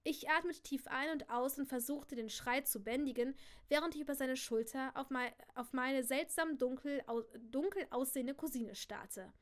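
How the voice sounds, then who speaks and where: A woman reads a first-person novel aloud during a live stream. Her voice sits high, and she often trips over a word and starts again. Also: normal speed, hardly any pauses. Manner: stumbles often and corrects herself. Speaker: audiobook reader. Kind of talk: live audiobook reading.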